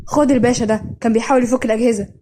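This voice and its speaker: A woman voicing an angry young male hospital worker, scolding quickly. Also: fairly high pitch, fairly even intonation, mellow, close to an everyday voice. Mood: scornful.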